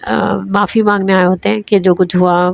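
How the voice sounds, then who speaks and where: A woman's voice: mid-range voice, flat delivery, vocal fry. A woman casually recapping drama episodes as a reviewer, chatty and hesitant with many fillers.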